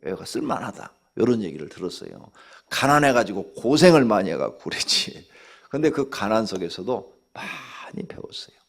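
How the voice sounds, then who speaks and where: An older man preaching a dawn sermon as pastor, blunt and scolding, acting out dialogue with sudden jumps in pitch. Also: sing-song, normal speed, vocal fry.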